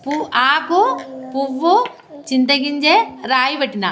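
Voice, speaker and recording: A woman preschool teacher leading a simple lesson, speaking slowly and repeating questions to prompt the children. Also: sits high. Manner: slow and repetitive, prompting the class with questions. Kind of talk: classroom lesson for small children. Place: preschool classroom full of children. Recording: noisy classroom with children.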